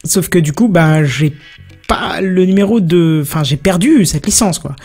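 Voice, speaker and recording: A man's voice: normal speed, husky, faint music behind. A man telling a long anecdote in casual chat, rambling, with plenty of fillers. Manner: rambling, animated storytelling with many fillers; puts on a high-pitched voice for a phone agent. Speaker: podcast co-host.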